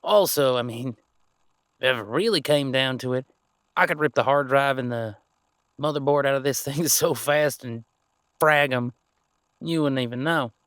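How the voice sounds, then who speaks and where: A man voicing a chatty, folksy, excitable underground computer technician in an audio role-play, rambling along in an animated way. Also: mid-range voice, normal speed, long pauses, clear, resonant tone, no echo, studio quality, natural voice. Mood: chatty, eager.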